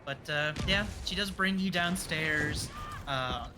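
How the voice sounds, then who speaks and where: A man's voice: a little high, slow, noisy background. A man narrating casually as game master of a tabletop role-playing game, improvising as he goes.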